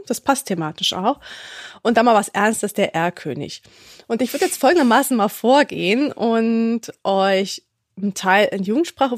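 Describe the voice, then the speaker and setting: A woman hosts a podcast in an easygoing, amused manner, often pausing on small fillers. Her voice sits at a middle pitch and is recorded close and dry, with no room sound around it. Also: no echo. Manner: chatty and amused, with frequent fillers. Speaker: podcast host. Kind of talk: casual podcast chat.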